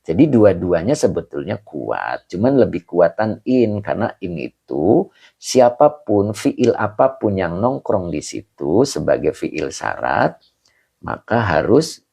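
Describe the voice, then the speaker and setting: Male religious teacher, slow and patient, low husky voice, lively intonation, online grammar class. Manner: patient explaining, answering students by name, chuckles. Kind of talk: online Arabic grammar lesson.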